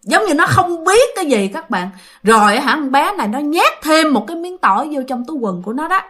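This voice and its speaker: A woman's voice: sits high, big pitch swings, fairly quick, fairly bright tone. A woman telling a ghost story in a casual, chatty way, talking straight to her listeners. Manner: chatty, addresses listeners directly, loose run-on phrasing.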